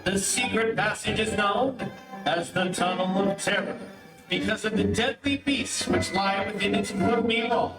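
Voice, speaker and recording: High-voiced man narrating an echoey radio serial. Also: measured pace, music in the background. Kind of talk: scripted old-time radio serial narration. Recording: echoey, distant streamed stage audio.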